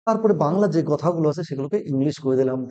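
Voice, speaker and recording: A man with a Bengali accent teaching spoken English in a video lesson, switching between Bengali and slow, emphatic English phrases. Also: on the high side, expressive, dark tone. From India.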